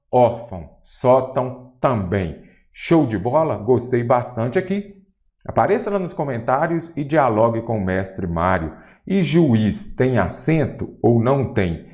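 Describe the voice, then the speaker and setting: Here a medium-pitched man with a Brazilian Portuguese accent runs an exam-prep grammar class. Lively and instructive, he talks right at the viewer and keeps asking questions as he teaches.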